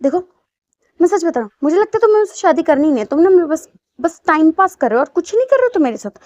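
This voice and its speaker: A woman voicing an angry young man who snaps sharp, scolding retorts at his lover. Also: high voice, very animated, quick pace, dry recording. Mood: annoyed. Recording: dull lo-fi dry recording.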